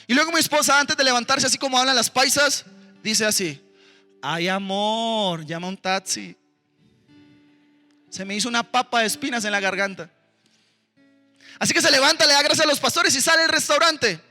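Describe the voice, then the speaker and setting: Bright high-voiced male preacher. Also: quick pace. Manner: animated storytelling, calls on the congregation to respond. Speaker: missionary preacher. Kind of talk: sermon testimony. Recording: roomy hall with music behind.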